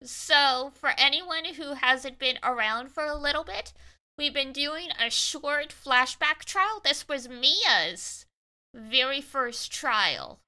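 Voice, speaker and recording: Woman, Canadian accent, cute anime streamer voice, high pitch, very bright, chatty livestream delivery. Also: expressive, takes it slowly. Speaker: VTuber game streamer. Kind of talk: casual livestream chat over a video game.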